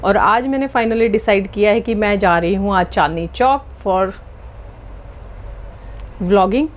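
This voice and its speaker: A woman's voice: mid-range voice, slow pace, dull audio, a little hiss or hum. A woman vlogging at home in casual chat, playful and teasing, switching between Hindi and English. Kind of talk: casual vlog chat to camera. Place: at home indoors.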